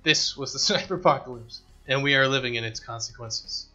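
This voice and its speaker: A man voicing a wise, formal cyborg dwarf companion who explains lore in a measured way. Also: medium pitch, sharp tone, dull audio, soft background music. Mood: calm. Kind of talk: reading game dialogue aloud.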